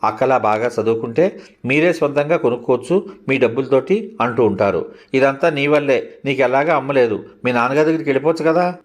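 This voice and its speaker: A man's voice: medium pitch, brisk, voice pushed up, close to an everyday voice. A man voicing an indignant young boy who resents his older cousin, in a read-aloud novel. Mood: resentful. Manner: indignant, accusing.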